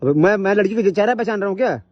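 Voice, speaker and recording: On a muffled, low-fidelity phone call recording, a man argues heatedly, talking very fast and expressively. He is confrontational and repetitive, frequently interrupting and swearing.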